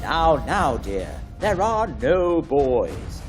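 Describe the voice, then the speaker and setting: A man voicing the giant's stern, suspicious wife in a raised, lively storybook voice. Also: extremely slow, soft background music, full character voice. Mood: soothing. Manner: high put-on voice, drawn out.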